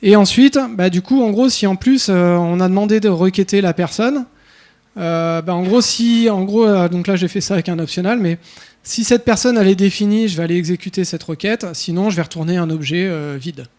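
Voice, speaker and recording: A man with a fairly high voice talks through code on stage at a developer meetup. His delivery is casual and loose, full of hesitations, restarts and filler words as he walks the audience through each step. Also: brisk, darkish tone. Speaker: conference speaker. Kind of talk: live coding talk. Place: conference room.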